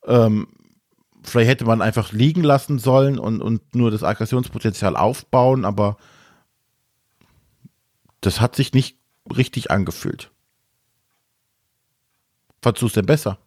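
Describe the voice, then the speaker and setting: A man co-hosting a board game podcast, giving a hesitant, measured critique in casual chat. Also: lowish voice, a little mellow, no room sound, studio quality.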